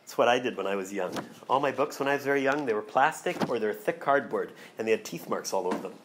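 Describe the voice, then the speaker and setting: A man, a pastor, preaching a sermon and reading scripture aloud with slow, dramatic emphasis. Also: medium pitch, animated, noisy background. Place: church hall.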